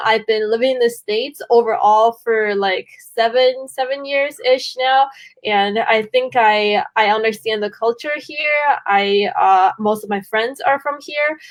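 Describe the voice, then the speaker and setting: A woman's voice: high voice, measured pace. A woman in her twenties from China, a podcast guest talking casually and laughing often. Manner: relaxed, laughs often, fillers like "like". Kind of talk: casual interview chat.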